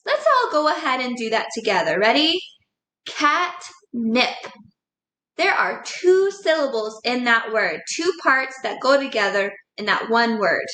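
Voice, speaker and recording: High bright teacher lady, slow and encouraging, echoey room, faint rumble. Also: sing-song. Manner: slow, encouraging, spells words letter by letter. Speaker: second grade teacher. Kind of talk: recorded classroom lesson.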